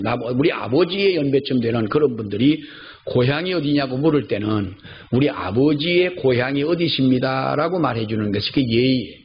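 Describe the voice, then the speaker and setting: An older man pastor preaching a sermon in a church, telling stories and repeating key phrases for emphasis. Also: medium pitch. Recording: slightly dull recording, faint background noise.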